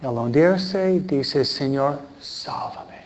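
Slow-speaking male preacher. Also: a little high, a little mellow. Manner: conversational, asks the audience questions. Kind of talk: sermon.

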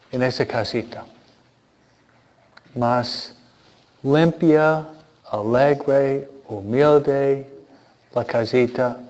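Slow-speaking priest teaching children. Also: male voice, mid-range voice, a little mellow. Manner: slow, questioning, acts out little dialogues. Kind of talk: catechism talk to children and parents. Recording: dull lo-fi recording.

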